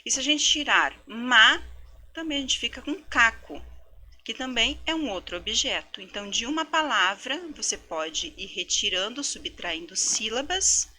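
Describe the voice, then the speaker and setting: A woman teacher giving a recorded lecture, explaining step by step and sounding out words slowly syllable by syllable, with frequent tag questions. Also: a little high, pushed and bright. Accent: Brazilian Portuguese. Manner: explanatory, slow syllable-by-syllable demonstrations. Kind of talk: recorded lecture for education students.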